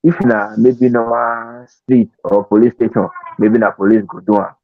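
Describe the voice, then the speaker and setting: A man with a Nigerian accent explaining his points step by step in casual Nigerian Pidgin, with a rough-edged voice. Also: mid-range voice, fairly even intonation, moderate pace. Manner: explanatory, reasoning through examples. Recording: roomy, tinny phone-like sound.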